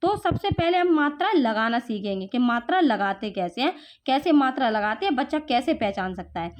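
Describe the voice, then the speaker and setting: A woman from India teaching letter sounds and vowel marks to a child, slowly drilling with repeated questions. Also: a little high, sing-song. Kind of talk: home phonics lesson for parents.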